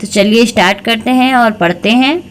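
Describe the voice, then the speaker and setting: A woman's voice: on the high side, normal speed, a little hiss or hum. A woman teacher reading word families to children, spelling each word and then saying it.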